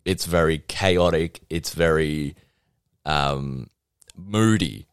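Young male music reviewer with a deep voice; loose, chatty, self-mocking delivery full of fillers. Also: slow, clear, resonant tone, no echo, clean studio sound. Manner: chatty, rambling, self-deprecating, lots of ums and likes. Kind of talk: casual album review monologue.

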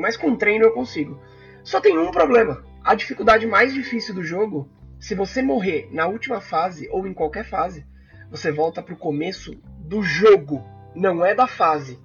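Dude rambling about games, kinda high voice, gravelly, slightly dull lo-fi sound. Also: male voice. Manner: animated, frequent fillers and restarts. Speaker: podcast co-host. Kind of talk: casual chat about video games.

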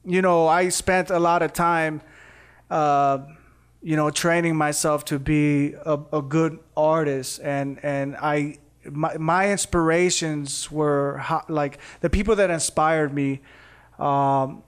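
A man from Costa Rica talks as the guest in a relaxed podcast chat. His voice sits a bit high and sounds clear and smooth. He speaks loosely and candidly, with plenty of fillers. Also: slow pace. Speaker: guest artist.

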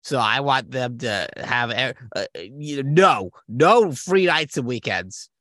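A man's voice: medium pitch, lively intonation, slow pace, bright, forceful tone, dry recording, clean studio sound. A man playing a smug, self-important male debate candidate who gives rambling, roundabout answers.

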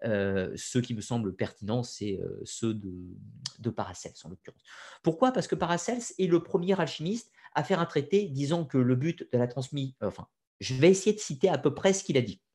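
A man of middle pitch explains his subject in an unscripted lecture, pausing on fillers and restarting his sentences. He talks straight to his listeners and drops frank personal opinions along the way. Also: dark tone, breathy edge. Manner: addresses listeners directly, opinionated asides. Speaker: lecturer on occult history.

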